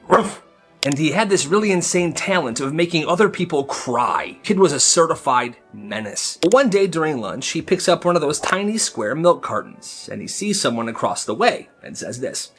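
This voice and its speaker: A man narrating short stories in a conversational, animated way. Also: a little high, normal speed, few pauses, soft background music. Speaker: storyteller. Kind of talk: short-video storytelling narration.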